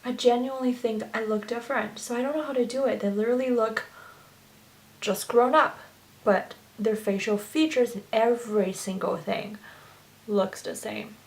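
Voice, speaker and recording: Speaking at a moderate pace in a fairly high, gravelly voice with a steady tone, a young woman whose first language is Chinese hosts a get-ready-with-me makeup tutorial. As a beauty vlogger, she gushes and fills her speech with fillers.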